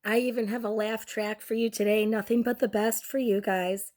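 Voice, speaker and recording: A young woman with a cold, her voice nearly gone, hosts a casual commentary show in a crude, sardonic manner, slow and drawn out. Her voice is fairly high-pitched with a steady tone, and the recording is very noisy.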